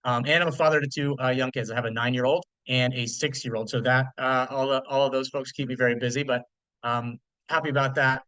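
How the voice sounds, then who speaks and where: A mortgage loan officer in his thirties hosts a casual live webinar, chatting loosely with many fillers and restarts. His medium-pitched voice is steady, fairly quick and sharp, with no echo but low recording quality.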